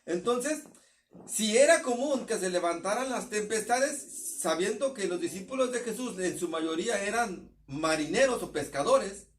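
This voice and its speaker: Halting high-voiced Mexican preacher, mic far off. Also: male voice. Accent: northern Mexican. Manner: halting, many repeated words and restarts. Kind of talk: sermon.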